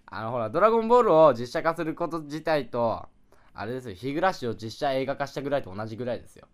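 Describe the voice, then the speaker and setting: Fast, lively man chatting casually. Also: mid-range voice. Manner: rambling, animated, laughs often while explaining. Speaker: podcast co-host. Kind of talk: casual chat.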